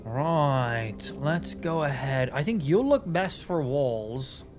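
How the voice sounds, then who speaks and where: A man's voice: medium pitch, lively intonation, takes it slowly. A man livestreaming a game with casual, sweary, easygoing chat, his speech slightly impeded as if half his mouth is numb. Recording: music behind the voice. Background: music.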